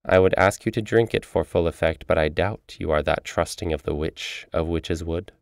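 A man reading the part of an aloof, ageless female witch, speaking slowly and tersely. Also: deep voice, gravelly, clear, resonant tone, dry recording, clean studio sound. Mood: cold, curt.

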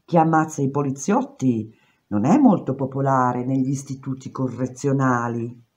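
A woman's voice: rumbling low, lively intonation, a little mellow, pitched below the performer's own voice. A woman voicing a condescending old prison matron. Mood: falsely confiding. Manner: slow, falsely sweet, patronizing. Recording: dull lo-fi recording.

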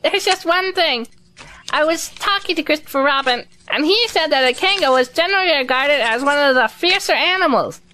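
A woman's voice: high voice, animated, moderate pace, sharp tone, slight background noise. A woman playing a timid, earnest, very small piglet in a children's storybook audio drama, anxious in manner. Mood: nervous.

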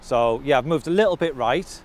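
A man's voice: mid-range voice, expressive, normal speed. A British man in his thirties in casual banter as an angler out on a lake bank. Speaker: angler in a fishing challenge. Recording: clear outdoor ambient noise. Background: outdoor ambience.

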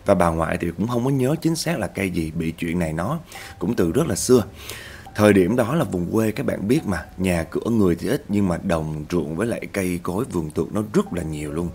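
A man's voice: expressive, a little fast, darkish tone, slight background noise. A man, hosting and narrating a spooky story in a chatty way that talks straight to listeners. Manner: chatty, addresses listeners as "các bạn", rises in pitch at tense moments. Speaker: storyteller host. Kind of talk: spoken ghost story narration.

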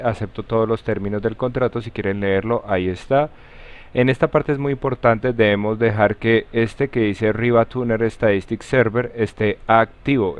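A man with a Colombian accent hosting a step-by-step software tutorial in an informal way, using friendly diminutives. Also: mid-range voice. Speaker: tutorial host. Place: voice-over for a screen recording. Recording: slightly dull, lo-fi sound.

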